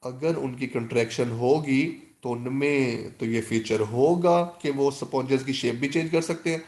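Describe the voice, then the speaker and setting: A man teaching zoology in a classroom lecture with a Pakistani accent. He reads English textbook lines slowly, explains them in quick Hindi-Urdu, and asks and answers his own questions. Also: medium pitch, darkish tone.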